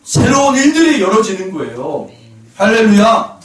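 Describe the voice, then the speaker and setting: A man's voice: sits high, wildly swooping pitch, normal speed. Male pastor preaching emphatically to his congregation, miked from a distance in a reverberant sanctuary. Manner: emphatic, keeps calling out to the congregation. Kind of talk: sermon. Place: church sanctuary. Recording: roomy hall, voice from a distance.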